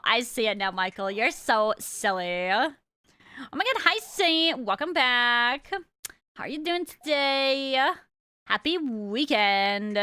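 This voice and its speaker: Bright high-voiced playful woman streamer. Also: no room sound. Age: 30s. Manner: exaggerated valley girl slang put on; playful, self-mocking. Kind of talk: casual livestream chat.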